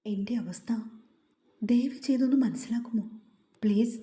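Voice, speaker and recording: A woman voicing a timid, dutiful young woman who pleads in a hushed, breathy way. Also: a little high, normal speed, reverberant, lightly acted. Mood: pleading.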